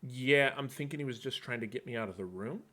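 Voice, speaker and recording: A man plays his character in a tabletop game, casual and sarcastic. His voice is bright and forceful, and he protests the game master's calls. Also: medium pitch, quick pace. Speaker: player.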